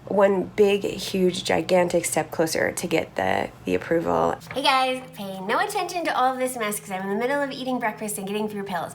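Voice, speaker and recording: A young woman chatting excitedly in a casual vlog, shaky with nerves and full of fillers. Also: fairly high pitch, slight background noise. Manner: excited, breathless, many "like" fillers. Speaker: vlogger.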